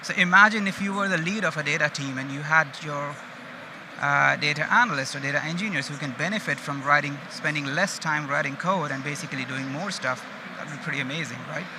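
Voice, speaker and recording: An Indian man with a fairly high voice speaks a little fast, giving a casual, conversational presentation as a data engineering manager and often checking in with his audience. He's on an open stage at a busy exhibition, and the recording carries loud background noise from the crowded event hall.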